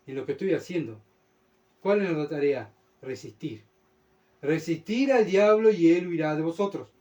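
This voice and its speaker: A man's voice: animated, normal speed, dark tone, lo-fi sound. A man preaching a sermon as pastor, with a Uruguayan Spanish accent, talking emphatically and checking often that his congregation follows him. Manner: emphatic, keeps asking the congregation "¿Se entiende?"; mocks complainers in a whiny high voice.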